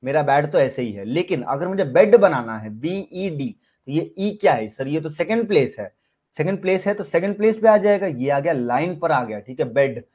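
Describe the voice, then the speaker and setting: A man's voice: a little high, animated, moderate pace, darkish tone, husky. A man with an Indian accent teaching shorthand in an online class, explaining step by step and asking and answering his own questions. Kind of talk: online class lecture in Hindi-English mix.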